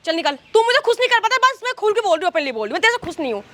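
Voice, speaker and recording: A woman playing a young wife. Her voice is very high and bright. Her pitch swings widely as she rattles her words off fast. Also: sing-song, full character voice. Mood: scornful. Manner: scolding, dismissive. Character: scornful young wife throwing out husband. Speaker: actor in a comedy skit. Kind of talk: comedic sketch acting.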